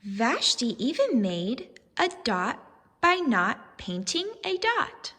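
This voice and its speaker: Like a teacher reading aloud, a woman delivers a children's storybook slowly and deliberately, asking questions of the young listeners. Her husky, expressive voice swings widely in pitch and rings with a long reverb.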